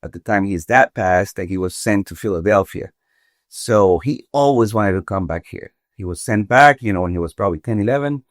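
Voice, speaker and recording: A man's voice: on the low side, lively intonation, no echo, studio quality. A man in his forties from Venezuela, a contractor talking as a podcast guest, thinking aloud with many restarts. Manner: halting, thoughtful, many restarts. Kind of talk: casual interview talk. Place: podcast studio.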